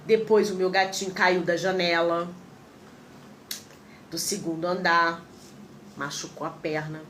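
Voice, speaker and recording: Lively Brazilian woman on a livestream. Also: lowish voice, unhurried, a little hiss or hum. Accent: Brazilian Portuguese. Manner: animated storyteller who acts out quoted people. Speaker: reiki practitioner. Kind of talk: casual livestream chat.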